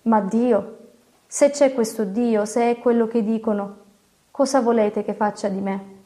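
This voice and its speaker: A woman's voice: on the high side, fairly even intonation, unhurried, warm tone, lightly acted. A woman voicing a tormented, hardened nobleman in an audiobook, speaking with anguish and despair.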